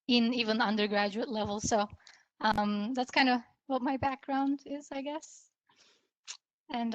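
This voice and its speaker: Woman, slightly high, dry close sound; hesitant panelist on a video call. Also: no echo, low-quality recording. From Turkey. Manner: hesitant, many fillers. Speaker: engineer panelist. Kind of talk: casual self-introduction.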